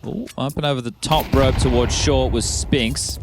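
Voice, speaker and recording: A man's voice: medium pitch, fairly even intonation, moderate pace, gravelly, noisy background. A man co-commentating a live esports match on a headset, with wry, teasing asides. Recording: game sound effects behind the voice. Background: game gunfire.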